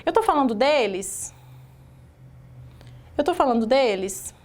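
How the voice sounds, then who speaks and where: A Brazilian woman leads an exam-prep grammar lesson at a whiteboard. Her voice sits somewhat high, and she breaks each sentence down word by word. She keeps asking the class rhetorical questions. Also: expressive, measured pace, a little mellow. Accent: Brazilian Portuguese. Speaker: teacher.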